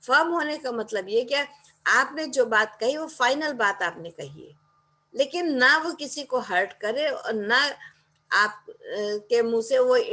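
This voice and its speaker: A woman's voice: on the high side, fairly bright tone. A woman giving a motivational talk, speaking emphatically and acting out quoted lines in between.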